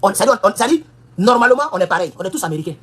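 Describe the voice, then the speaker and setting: A woman's voice: mid-range voice, lively intonation, very fast, fairly bright tone, breathy edge. A woman giving an impassioned political monologue, emphatic and scolding, firing off rhetorical questions. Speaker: political commentator. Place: United States.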